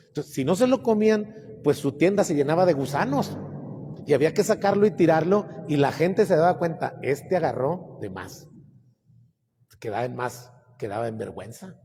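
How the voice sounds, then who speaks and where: A man's voice: a little high, warm tone, long reverb tail, slight background noise. An older man, a priest, retelling gospel stories in a folksy, humorous homily with asides. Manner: folksy, humorous storytelling with asides and acted quotes.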